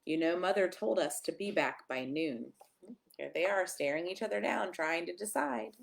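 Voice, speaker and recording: At a children's storytime, a woman with a lowish voice and some vocal fry reads from a picture book. She sounds lively and sing-song, pausing for emphasis and dropping small asides to the kids.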